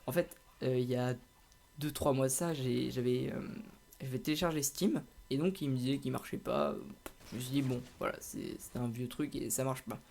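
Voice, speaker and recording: A man's voice: medium pitch, normal speed, vocal fry, a little mellow, slight background noise. A young man chatting casually over his gameplay, rambling with lots of hesitations and restarts. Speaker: gaming channel host.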